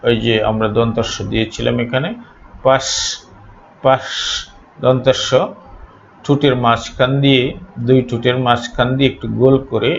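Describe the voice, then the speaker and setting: A man from Bangladesh teaching a pronunciation lesson, saying each word slowly and repeating it again and again for his students. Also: mid-range voice. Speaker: English teacher. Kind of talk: slow spoken pronunciation lesson. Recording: dull lo-fi recording, faint noise.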